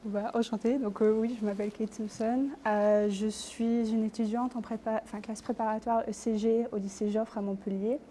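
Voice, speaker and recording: A woman's voice: on the high side, little pitch movement, moderate pace, few pauses, warm tone, slight background noise. A young woman answering questions in an admissions interview, hesitant, with many fillers and self-corrections. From Australia. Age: young adult. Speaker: interview candidate.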